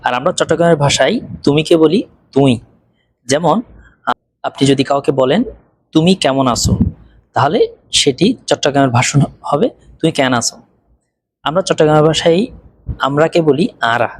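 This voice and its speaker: A man from Chittagong teaches in a casual video lesson, speaking with a Chittagonian accent. His voice is slightly husky, and he says each example phrase slowly and carefully. The recording is dry, with no room echo. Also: a little high. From Chittagong, Bangladesh. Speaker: language teacher.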